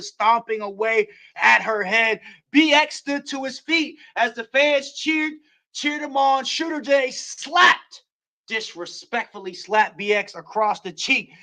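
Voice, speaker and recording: High bright-voiced excitable wrestling host. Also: male voice. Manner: excitable, builds to shouts on near-falls. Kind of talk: play-by-play recap commentary.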